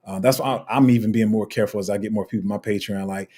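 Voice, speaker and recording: A man with a low, slightly husky voice hosts a casual livestream. He reads viewer comments aloud and answers them in a loose, rambling way, full of ums and restarts. His delivery stays relaxed and conversational throughout. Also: very fast. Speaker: crypto livestream host.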